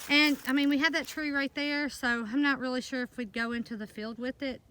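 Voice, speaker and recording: A woman's voice: high-pitched, steady tone, a little fast, sharp tone. A woman chatting casually in a rambling vlog, laughing often. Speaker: homesteading vlogger. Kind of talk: casual walk-and-talk vlog.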